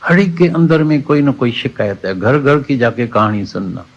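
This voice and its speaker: A man's voice: medium pitch, lively intonation, normal speed. A man giving a satsang sermon, preaching with repeated key words and quoted scripture lines, on dull lo-fi audio. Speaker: spiritual teacher. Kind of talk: Hindi satsang sermon with a told parable.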